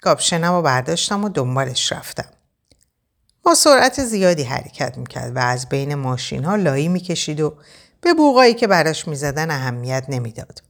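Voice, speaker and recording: A woman narrating a first-person story aloud, expressive and tense. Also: low-pitched. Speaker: audiobook narrator.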